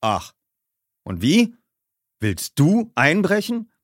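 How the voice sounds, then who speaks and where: A man's voice: fairly high pitch, wildly swooping pitch, slow, dry recording, studio quality, pitched above the performer's own voice, exaggerated voice. A man voicing a boastful, offhand rich teenage skater boy. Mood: mocking. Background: background music.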